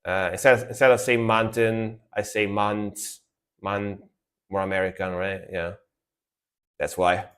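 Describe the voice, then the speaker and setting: This young non-native English speaker with an Italian accent gives casual, excited music reactions on a live stream, rambling and repeating words like "sick." His voice is lowish and fairly bright, with a flat delivery at a measured pace.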